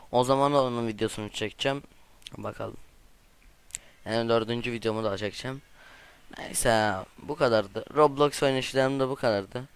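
A man giving casual gameplay commentary to his viewers, trash-talking opponents in excitable outbursts and chatting directly to the audience. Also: mid-range voice, smooth, dry recording. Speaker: gaming video creator.

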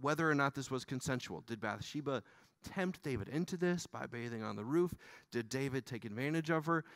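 A man preaching a sermon in church, animated and talking directly to the congregation. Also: high voice, dry recording. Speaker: pastor.

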